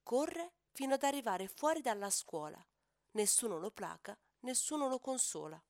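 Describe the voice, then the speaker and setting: A woman narrating a rhyming children's story in a lively, sing-song way. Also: on the high side, moderate pace, no echo, studio quality.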